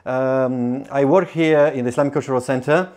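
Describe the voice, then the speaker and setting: A man's voice: mid-range voice, fairly even intonation, normal speed, a little mellow. A man in his forties from Bulgaria, a youth coordinator welcoming visitors, speaking with many fillers and restarts into a lapel mic. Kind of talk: welcoming tour talk. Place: indoor office and youth club.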